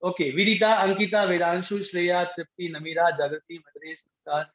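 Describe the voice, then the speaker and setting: A man's voice: high-pitched, little pitch movement, moderate pace. A male teacher giving a classroom lecture, coaxing students and repeating his questions to them. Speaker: chemistry teacher. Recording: echoey, dull classroom recording.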